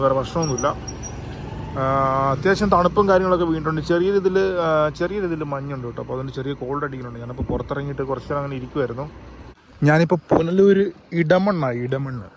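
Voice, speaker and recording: A man from Kerala with a hoarse voice, chatting casually with many fillers while filming a travel vlog on a handheld camera outdoors. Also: on the high side, a little hiss or hum. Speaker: travel vlogger. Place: outdoors by a roadside petrol pump and stream.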